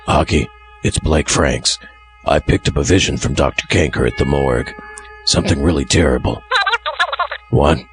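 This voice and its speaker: Extremely low pitch, man acting as grave tipster, ominous, audio comedy, strong music behind. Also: moderate pace, pauses often. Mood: urgent, ominous. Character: very deep-voiced, grave tipster relaying terrible news.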